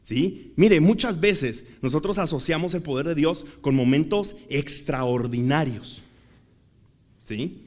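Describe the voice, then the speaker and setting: A young man preaching a sermon in Mexican Spanish, telling a story that swells from soft, easy talk to shouting. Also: a little high, slow. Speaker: pastor.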